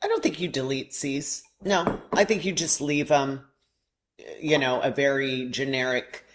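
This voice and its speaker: A woman's voice: very deep voice, measured pace. A woman teaching a real estate training session, explaining step by step in a conversational way. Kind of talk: training presentation.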